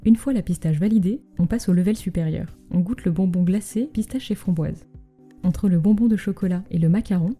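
Dark, mellow-voiced woman storyteller, close in. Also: medium pitch, husky. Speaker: culinary storyteller and podcast host. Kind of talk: scripted narration, storytelling.

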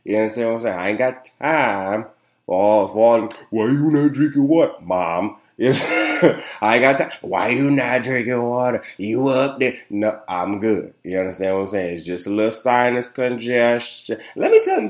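A young man hosts a casual solo podcast in a medium-pitched, animated voice at a moderate pace, sounding congested and nasal. He rambles and chats with lots of fillers, repeatedly asking "you know what I'm saying." The room is roomy and echoey.

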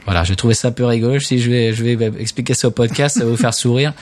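A man's voice: medium pitch, fast, a little mellow. A man hosting a casual podcast chat, telling stories with lots of restarts and fillers. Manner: chatty storyteller with many restarts. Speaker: podcast host. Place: United States.

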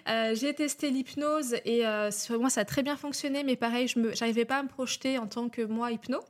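A woman coach talks as a podcast guest in a slightly high voice. She explains at length, pausing often with small hesitations and a touch of nerves. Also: fairly even intonation. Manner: talkative, many hesitations, a bit nervous. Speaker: guest, life and breathwork coach. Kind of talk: casual interview chat.

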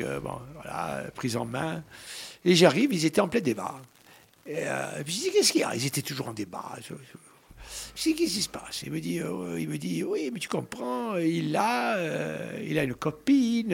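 Radio host, man, gravelly and husky, animated storyteller. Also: on the high side. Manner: storytelling, acting out the quoted speakers. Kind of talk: casual radio chat and anecdote telling.

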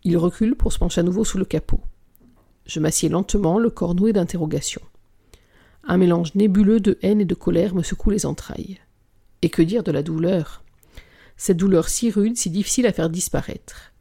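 Novel reader: measured delivery, occasional whispers, mellow gravelly tone. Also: medium pitch. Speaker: audiobook reader. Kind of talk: reading a novel aloud.

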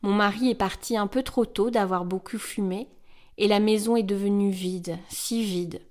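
A woman's voice: medium pitch, steady tone, normal speed, darkish tone, lightly acted. A woman reading as a wistful 73-year-old woman. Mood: tender. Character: 73-year-old woman, retired textile worker, wistful and grateful. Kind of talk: scripted narration of a letter.

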